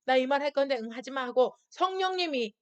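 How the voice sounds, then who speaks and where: A woman's voice: high voice, expressive, fairly quick, highs cut off. A woman pastor preaching a sermon to a youth service. She often asks her listeners questions and acts out short quoted voices. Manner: acts out voices of people and God in quoted asides. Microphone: screen-recorded stream.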